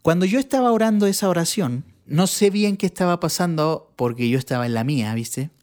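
A man from Chile, a church bass player, telling his testimony in a relaxed chat and acting out the people he quotes. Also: a little fast. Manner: animated, acts out the people he quotes. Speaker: guest sharing his testimony. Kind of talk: casual storytelling.

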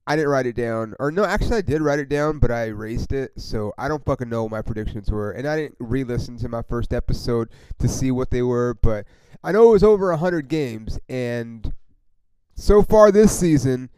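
A man hosts a solo sports podcast in a loose, rambling way, peppered with swearing and "you know"s. His voice is smooth and resonant at a middle pitch, recorded close and dry with no room sound. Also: expressive, moderate pace, darkish tone, dry recording, poor audio. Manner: rambling, profane, frustrated fan talk with many fillers. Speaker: podcast host.

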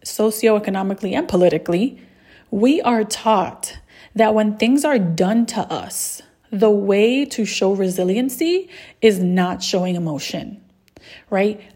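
A woman hosting her own podcast and talking straight to her listeners. Her voice sits at a middle pitch, and her delivery is casual. She laughs easily and often asks "right?" to keep them with her. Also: lively intonation, unhurried, mellow. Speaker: podcast host. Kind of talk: solo podcast talk.

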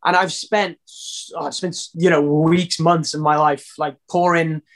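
High-voiced Welsh man, rambling chat. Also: little pitch movement, a little slow. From Wales. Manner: rambling, with many fillers and restarts. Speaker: singer being interviewed. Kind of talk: casual interview chat.

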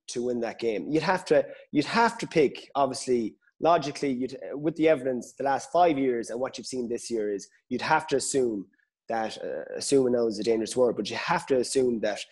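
A man's voice: mid-range voice, animated, moderate pace, darkish tone, husky. A man chatting about sport as a podcast guest, hesitant and often repeating words as he thinks aloud. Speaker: podcast guest, Gaelic football pundit. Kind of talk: casual sports discussion.

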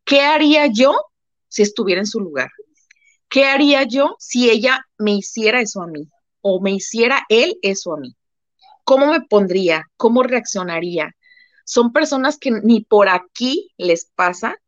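A woman's voice: mid-range voice, animated, normal speed, no room sound, lo-fi sound. A woman with a Mexican Spanish accent co-hosting a casual live-stream talk, emphatic and repeating phrases for effect. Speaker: co-host.

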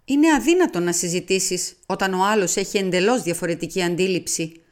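An earnest English gentleman, voiced by a woman reader in an audiobook, easily flustered and quick to protest. The voice sits low and stays close to the narration. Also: natural voice. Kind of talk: audiobook character reading.

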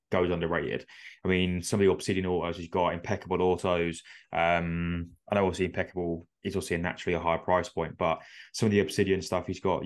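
A man chatting casually on a podcast, relaxed and full of fillers. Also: low voice. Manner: relaxed, thoughtful, many fillers.

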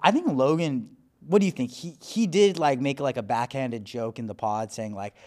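A man with a medium-pitched voice talks as a podcast co-host. His delivery is casual and conversational, with informal, slangy phrasing. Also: normal speed, a little mellow. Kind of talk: casual chat.

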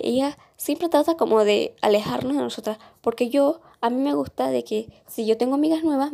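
A woman's voice: on the high side, vocal fry, dark tone. A young woman telling a school story in a casual, rambling podcast chat. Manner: rambling, many restarts and fillers.

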